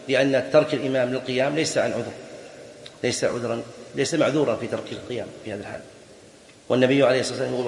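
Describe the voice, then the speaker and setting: A man's voice: medium pitch, slight background noise. Man lecturing in an echoey hall. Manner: explains point by point, repeats key phrases, asks rhetorical questions. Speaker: Islamic jurisprudence teacher. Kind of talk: classroom lecture on a fiqh text. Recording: echoey hall with long reverb.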